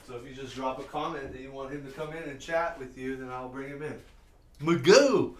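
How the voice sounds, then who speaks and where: A man's voice: medium pitch, fairly even intonation, quick pace, fairly bright tone, a little hiss or hum. A middle-aged man chatting casually on a live stream, rambling and answering viewers as he works in a warehouse workshop. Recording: roomy sound, mic at a distance.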